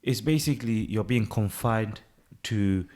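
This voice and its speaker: Mid-twenties man, low-ish voice, eager and earnest co-host. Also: unhurried, a little mellow. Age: 20s. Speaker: podcast co-host. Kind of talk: casual chat.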